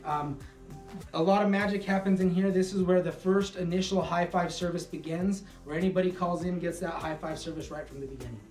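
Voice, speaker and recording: A man in his thirties giving a relaxed walking tour of his company's warehouse and offices, with frequent fillers. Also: high voice, a little fast, recorded from a distance. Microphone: camera following him, mic at a distance. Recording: echoey rooms, voice a bit off-mic, soft music underneath.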